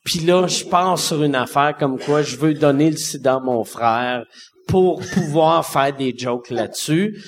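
Animated Québécois man telling stories. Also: measured pace, a little hiss or hum. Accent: Québécois French. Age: 40s. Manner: animated, swears casually, drops low for punchlines. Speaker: stand-up comedian. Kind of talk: casual anecdote telling.

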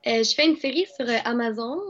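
Bright and a little high, the young Québécois-accented actress and dubbing artist talks at a quick pace in a casual interview. Her speech is full of fillers and restarts, and the recording is dull and lo-fi.

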